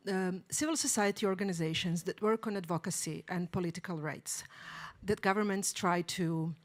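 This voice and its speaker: A woman making thoughtful conference remarks, pausing and restarting as she finds her words. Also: on the low side. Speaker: conference participant.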